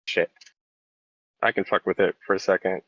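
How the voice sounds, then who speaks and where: A man in casual group chat who sounds like he is on speakerphone, asking hesitant, halting questions over a phone call. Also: low voice, steady tone, fairly bright tone, dry recording.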